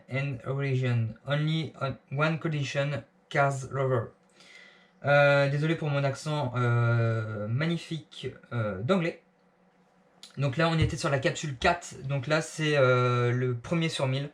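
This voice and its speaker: A man casually reviewing clothes he bought, with many fillers and restarts. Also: medium pitch.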